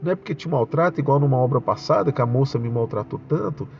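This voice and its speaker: Brazilian man, devout testimony, gravelly fervent delivery, lo-fi home recording. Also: medium pitch, lively intonation, fast talker, darkish tone, faint music behind. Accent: Brazilian Portuguese. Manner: fervent, addresses listeners as brothers, exclaims praise. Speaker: church member giving a testimony. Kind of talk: spoken religious testimony to a channel's audience. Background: noisy motorbikes passing outside.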